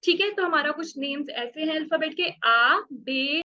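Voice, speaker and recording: A woman's voice: high voice, moderate pace, lo-fi sound. A woman teaching a beginners' Spanish class online, stretching out letter sounds and checking often that students follow. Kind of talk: online language lesson.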